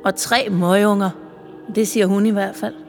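A woman voicing an unhappy young boy who complains quickly about his family in a children's audiobook. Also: medium pitch, steady tone, darkish tone, long reverb tail, soft background music, lightly acted. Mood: complaining.

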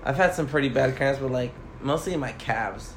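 A man's voice: mid-range voice, a little fast. A young man co-hosting a casual chat, laid-back and slangy, filling his talk with "like". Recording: echoey room with faint noise.

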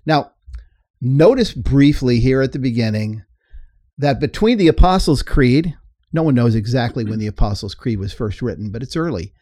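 A man's voice: medium pitch, expressive, normal speed, dark tone, no room sound, studio quality. Earnest middle-aged male co-host. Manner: earnest, laughs easily. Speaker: co-host and teacher. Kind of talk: explanatory discussion.

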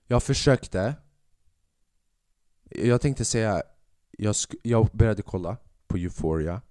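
Swearing, rambling sick man, low voice. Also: no room sound, studio quality. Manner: swearing, rambling, animated rants. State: sick with fever. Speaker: podcast host. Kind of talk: casual monologue podcast.

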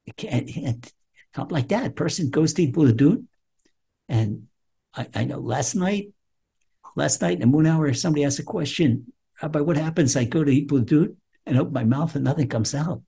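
Husky-voiced rabbi teaching Torah. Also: male voice, fairly high pitch, fairly quick, mellow. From Israel. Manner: quotes Hebrew text then translates, emphatic. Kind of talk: Torah lesson.

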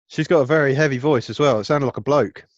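A man's voice: medium pitch, fast, no echo, dull audio. A man co-hosting a podcast with casual banter. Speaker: podcast co-host.

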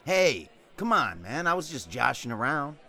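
A man's voice: medium pitch, big pitch swings, normal speed, background noise. A man playing a drunk, grumbling wedding guest who was told off. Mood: sulky.

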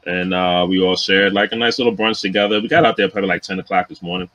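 Laid-back man with a bright, forceful voice. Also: low voice, steady tone, fast talker, no room sound, lo-fi sound. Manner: laid-back storytelling full of "you know" and "um"; laughs often and loudly. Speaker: podcast co-host. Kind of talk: casual chat.

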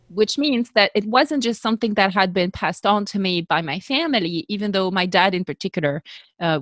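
Her voice is mid-range and a bit bright, recorded with no echo. She's a French woman in her forties with a French accent, chatting casually as a podcast guest, earnestly poking fun at herself and leaning on fillers like um and you know.

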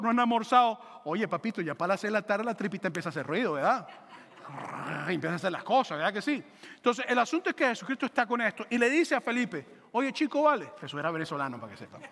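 A pastor with a high voice preaches a sermon in a big, echoing room. He's animated and joking, quickly acting out different voices for biblical characters.

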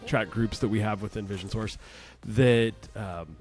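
A man in his forties hosting a podcast, chatting casually with a guest and often pausing with "uh" and restarting sentences. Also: fairly low pitch, a little mellow, faint music behind. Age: 40s. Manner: friendly, frequent "uh" hesitations and restarts. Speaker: podcast host. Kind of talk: casual interview chat.

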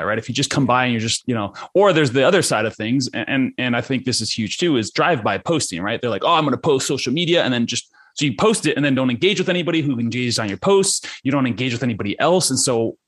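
A man's voice: mid-range voice, lively intonation, a bit bright, slightly rough. A man from Ecuador hosting a podcast, talking eagerly in casual chat with many restarts. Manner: fast, enthusiastic, many restarts and fillers.

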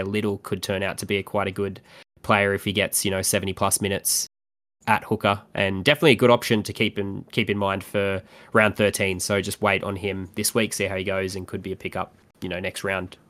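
A man's voice: fairly low pitch, a bit bright. A man co-hosting a podcast in casual sports fantasy chat. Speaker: podcast co-host.

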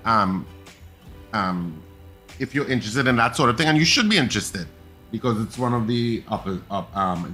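A man hosts a morning radio show with a bright, forceful voice. He is emphatic, jumping up in pitch on repeated words. Faint music plays underneath. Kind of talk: call-in radio talk.

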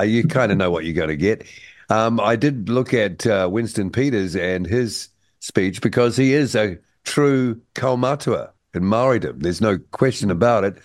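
A mature man with a New Zealand accent and a fairly low voice hosts a radio chat. He is informal and opinionated, talking casually. The sound is dry, with no room around it. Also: darkish tone, no echo. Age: middle-aged or older. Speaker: breakfast radio host.

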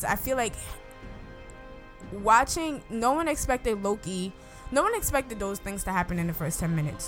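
A woman giving a casual, unscripted review, her words slightly slurred by braces and rubber bands as she tells it in an animated, emphatic way. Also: medium pitch. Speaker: movie reviewer.

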